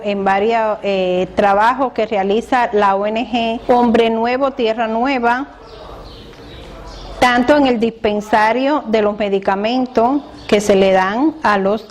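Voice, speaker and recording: Woman volunteer, slightly high voice. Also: slight background noise, rough recording. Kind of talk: testimonial.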